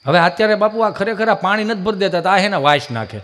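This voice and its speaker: Man, folk comedian, live stage storytelling, fairly high voice. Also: quick pace, long reverb tail. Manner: lively storytelling, acting out family scenes.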